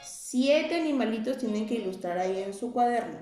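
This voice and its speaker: A woman's voice: fairly high pitch, lively intonation, moderate pace, echoey room, faint music behind. A young woman teaching English words to preschoolers, repeating each word and having the children say it back. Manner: warm and encouraging. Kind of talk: slow, sing-song lesson for small children.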